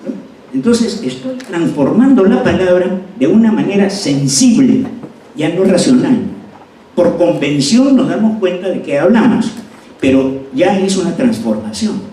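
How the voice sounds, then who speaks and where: Middle-aged Peruvian male acting teacher, mellow and somewhat high, demonstrating lines with flair, recorded far off in an echoey hall. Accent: Peruvian Spanish. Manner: animated, acts out words to demonstrate emphasis. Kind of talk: seminar lecture. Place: lecture hall. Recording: echoey room, voice from far off, faint noise.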